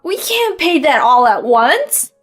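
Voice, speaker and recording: Young mistress, woman voicing, high and tearful, pleading. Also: sing-song, slow, a bit bright, soft background music, full character voice. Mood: flustered.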